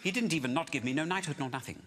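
A middle-aged British actor playing a boastful RAF pilot who talks deadpan youth street slang in a live stage comedy sketch. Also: male voice, on the high side, very fast, close to an everyday voice. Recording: live theatre stage, loud audience noise.

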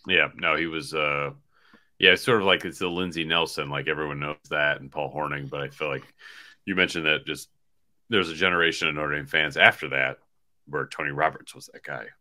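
Speaking a little fast, this forties-aged co-host has an extremely low, steady voice with a bright, forceful tone. He rambles through casual postgame sports talk on a laptop video call, sitting in a small hotel room.

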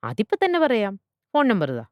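A woman's voice: medium pitch, wildly swooping pitch, brisk, no room sound, voice pushed up. A woman reading a story aloud and voicing a weary woman schoolteacher who coaxes and persuades. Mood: coaxing. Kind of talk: storybook character voice.

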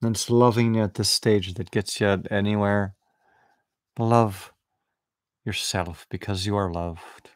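A man's voice: fairly low pitch, steady tone, dry recording, clean studio sound. A man giving a meditative spiritual talk, repeating short affirming phrases over and over. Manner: slow, repetitive, affirming phrases. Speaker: spiritual teacher.

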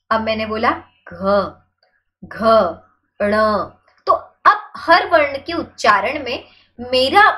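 A woman with a high, light voice teaches grammar to exam students. She poses questions and answers them right away. She keeps repeating the key points so they stick. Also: a bit bright. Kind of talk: exam-prep grammar lecture.

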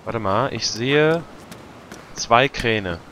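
A man talking low-key while playing a game with friends, often mumbling and trailing off. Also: lively intonation, extremely slow, fairly bright tone, slight background noise. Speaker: gamer. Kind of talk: casual gameplay chat.

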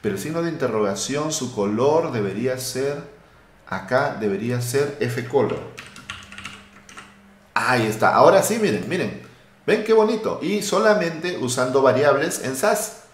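Man, live coding tutorial, lively, thinks aloud, roomy echo. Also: mid-range voice, normal speed. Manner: lively, thinks aloud while typing code. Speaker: web development instructor.

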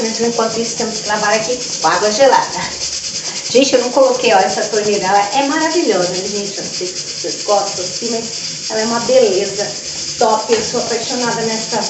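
A woman in her forties chatting casually through a home cooking vlog, recorded by a camera across her kitchen. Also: fairly high pitch. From Brazil. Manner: chatty, keeps saying "gente" and "ó". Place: home kitchen with tiled walls. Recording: echoey kitchen with cooking noise.

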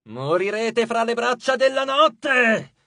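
A man voicing a vengeful female goddess of misery who growls slow, drawn-out threats in an audiobook. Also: very high voice, lively intonation, vocal fry, sharp tone, no room sound, raised voice, clean studio sound, pitched above the performer's own voice, heavily acted. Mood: snarling.

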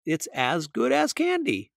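A man's voice: extremely high pitch, wildly swooping pitch, measured pace, creaky, no room sound, studio quality, voice pushed up, exaggerated voice. A man voicing a small, fussy young mouse in a storybook, fretful and small-voiced.

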